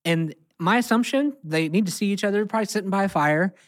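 A high-voiced American man talks at a quick pace as co-host of a Bible podcast. His teaching is earnest and forceful, and he often repeats himself to underline a point in the informal discussion.

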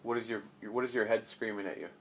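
A man's voice: lowish voice, little pitch movement, very fast, a bit bright, slight background noise. A man chatting casually with his child as her father, asking playful, probing questions. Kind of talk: casual chat.

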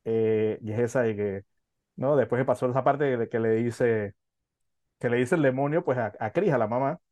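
A man's voice: mid-range voice, normal speed, a little mellow, dry recording, lo-fi sound. A man co-hosting a film podcast in casual chat, hesitant, with many fillers and restarts. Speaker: podcast co-host.

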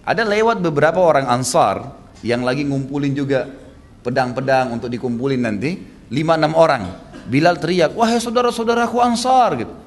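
A man preaching a sermon in a casual storytelling way, acting out the quoted lines with a raised voice and dropping back after each. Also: a little fast. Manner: lively, acts out quoted lines with raised pitch; casual with frequent tag phrases. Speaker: Islamic preacher.

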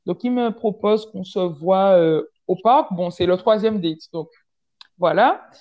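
A woman telling a dating story in casual chat, lively and full of fillers, acting out what people said. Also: medium pitch, unhurried. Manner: animated, acts out quoted lines, many fillers. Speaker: podcast storyteller. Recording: dull lo-fi sound.

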